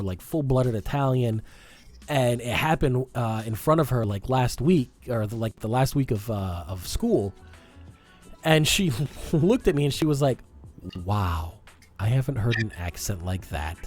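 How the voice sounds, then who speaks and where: A young man from Massachusetts with a Massachusetts accent, co-hosting a podcast in casual chat, rambling and animated with frequent restarts. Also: mid-range voice. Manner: rambling, animated, self-interrupting. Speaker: podcast co-host.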